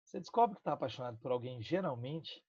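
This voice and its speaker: A man from Brazil teaching a literature lesson, talking straight to his students with slang and quick asides. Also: medium pitch, animated, a little mellow, husky, no echo, lo-fi sound. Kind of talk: recorded online lesson.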